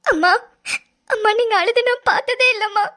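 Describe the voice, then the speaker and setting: A woman's voice: very high voice, normal speed, sharp tone. A woman voicing a young daughter in a cartoon, pleading earnestly through tears. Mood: tearful. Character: young daughter missing her lost brother.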